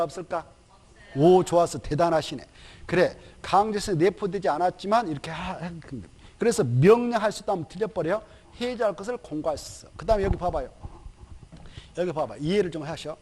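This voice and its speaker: A man teaching a recorded exam-prep lecture, chatty and lively, firing questions at his students and answering them himself. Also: sits high. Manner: acts out officials in quick quoted asides.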